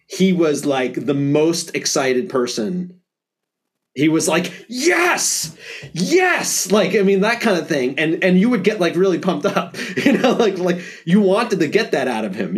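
A man's voice: on the high side, expressive, normal speed, a little mellow. A man who teaches music, talking casually in a thoughtful, hesitant way with many fillers. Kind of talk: casual conversation.

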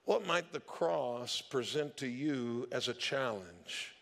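A man's voice: medium pitch, expressive, slow, gravelly, in a large hall. A man preaching a sermon as the church's pastor, telling stories in a casual, conversational way and acting out the people he quotes. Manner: conversational storytelling, acts out quoted voices.

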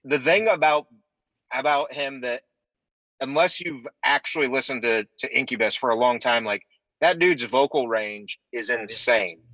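A man's voice: medium pitch, normal speed, dry recording. A man from Indiana interviewing a band on a video call from his phone, sitting in his car and chatting casually with lots of fillers. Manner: relaxed, rambling with fillers. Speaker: podcast interviewer. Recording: dull lo-fi video call audio.

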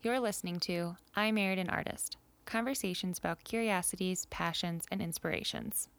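A woman co-hosting a casual podcast chat, upbeat and quick to laugh. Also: fairly low pitch, heavy background noise. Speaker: podcast co-host.

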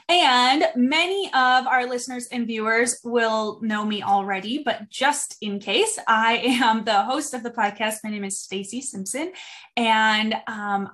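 A woman's voice: on the high side, a bit bright. A woman hosting a casual podcast chat, upbeat and chatty, with many um fillers. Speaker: podcast host.

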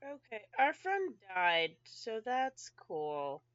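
A woman player joking deadpan during a tabletop game. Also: on the high side, slow, dry recording. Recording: dry, dull lo-fi mic.

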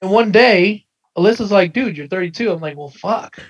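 Podcast regular, thirties, higher-pitched and a bit raspy, loose and profane. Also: male voice, moderate pace, rough recording. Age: 30s. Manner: rambling, restarts, heavy swearing. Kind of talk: casual podcast chat.

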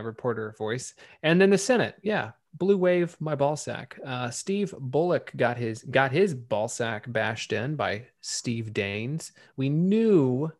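Gravelly, profane man. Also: mid-range voice, no echo, clean studio sound. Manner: profane, sarcastic, rambling. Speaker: podcast co-host. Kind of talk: casual political chat.

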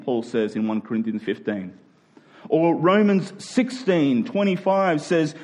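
A man delivers a sermon to a congregation, emphatic yet conversational, drawing out key words slowly and drifting into informal asides. His voice is high-pitched and a little mellow.

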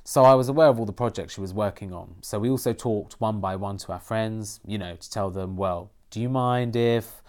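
Speaking a little fast and hardly pausing, this Persian-speaking man from Iran has a somewhat low, slightly mellow voice. As an interview guest and the film's lead, he earnestly discusses acting in the movie.

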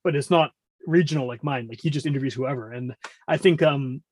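A middle-aged man with a mid-range, darkish voice and a breathy edge speaks briskly as a guest on a podcast, and he hosts a music podcast too. Chatty and rambling, he often interrupts himself while explaining.

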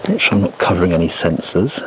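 Walking in the countryside near an oak tree, a man records a casual solo podcast on a portable cassette recorder, musing unhurriedly and thinking aloud. His voice is low-pitched and fast, with big pitch swings. Noise and clicks sit in the background of the tape.

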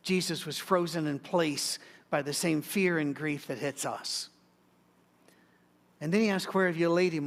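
A man's voice: sits high, fairly bright tone. A middle-aged man preaching a sermon, telling stories and slipping in joking asides as he goes through scripture. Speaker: pastor.

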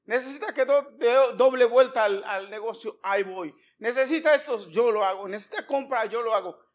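A middle-aged pastor preaches with a fairly high voice. He is emphatic, repeats key words and keeps asking the congregation questions. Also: normal speed. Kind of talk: sermon. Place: church before a congregation.

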